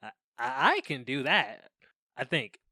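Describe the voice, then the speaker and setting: In an audio drama, a flustered young man confides into his podcast mic, awkward, lovelorn and resigned. His bright, medium-pitched, exaggerated voice leaps up and down, very animated yet unhurried, as he rambles and hesitates. The sound is close and dry, with no echo.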